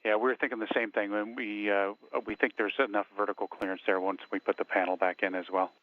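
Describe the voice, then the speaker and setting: A man's voice: lowish voice, level tone, fast talker, no echo. A man in mission control giving technical advice over a radio link. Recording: dry, phone-like radio link.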